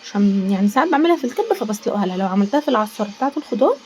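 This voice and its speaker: A woman's voice: mid-range voice, expressive, racing, a little mellow, slight background noise. A woman with an Egyptian accent, cooking in her home kitchen and chatting in a rambling way with frequent pious asides. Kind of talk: casual chat while cooking.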